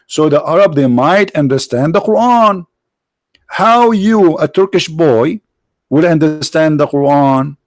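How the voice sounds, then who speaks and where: A man hosts a combative religious debate in English. His voice sits high, and he presses insistently, repeating phrases to drive them home. The sound is dry and close. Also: no room sound. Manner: non-native, ungrammatical English. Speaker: debate host.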